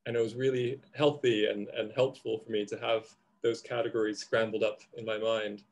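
A man's voice: lowish voice, level tone, normal speed. A man in his thirties, who grew up in Indonesia, speaking on a video call from a home room, thoughtful and hesitant with restarts. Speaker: panel speaker. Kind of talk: reflective conversation.

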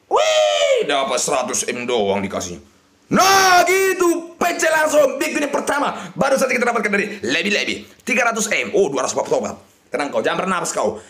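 A man, shouting and muttering over a slot game as he streams it. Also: a little high, wildly swooping pitch, fast talker, vocal fry. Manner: shouting and chanting at the reels, swinging between yelling and mutters. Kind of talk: excited live slot-game commentary.

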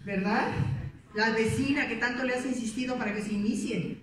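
A woman's voice: a little high, fairly even intonation, normal speed. A woman giving a playful motivational talk to a meeting, teasing her audience with questions. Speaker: motivational speaker. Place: meeting hall. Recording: echoey hall recording from far off.

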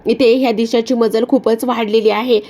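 A worried older father, indignant and complaining, as a woman storyteller reads his lines. The voice stays a little high. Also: fairly even intonation, moderate pace, dark tone, natural voice.

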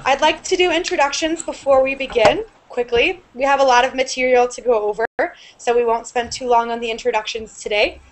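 A young woman teaching an online English class over a video call with earbuds, explaining clearly and upbeat. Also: on the high side, steady tone, brisk, hardly any pauses, a little hiss or hum. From United States. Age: young adult. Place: small room indoors. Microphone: earbud headset on a video call.

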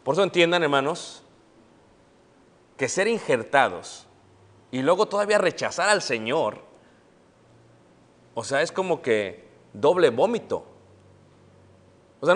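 Mexican preacher guy, high voice, asks the congregation stuff and acts people out, big echoey church. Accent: Mexican Spanish. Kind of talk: sermon. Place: church hall. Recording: long church hall reverb.

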